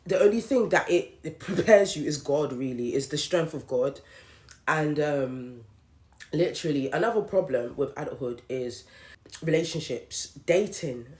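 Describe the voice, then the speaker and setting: Her voice low and darkish with lively intonation, a podcast host in her late 30s talks at a normal speed through a candid solo rant with emphatic repetition. The recording sounds echoey, like a roomy space.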